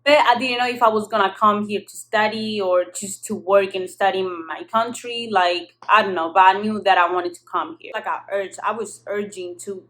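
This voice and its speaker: In the kitchen-living room of her apartment, a young vlogger from southern Spain, a native Spanish speaker, tells a personal story in frank, slangy, casual English with some swearing. Her mid-range voice is steady and fairly bright, at normal speed with few pauses, on a rough recording.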